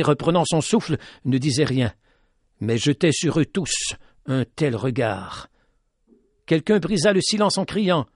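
A man narrating a tale in an expressive, dramatic reading style. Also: fairly high pitch, dry recording, clean studio sound. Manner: dramatic, rising with tension. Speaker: storyteller.

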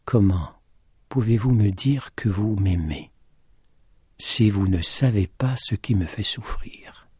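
A grave, patient schoolmaster from a fable, as a man reading aloud puts him on. He speaks slowly and solemnly with a husky edge, recorded dry and close. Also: lowish voice, a little mellow, no room sound, full character voice. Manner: slow, solemn, dropping to a whisper.

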